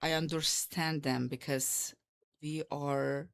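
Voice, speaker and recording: A woman's voice: low-pitched, steady tone, slow, creaky, smooth. Woman chatting on a panel, explaining things. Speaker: panel guest. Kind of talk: conversational panel discussion.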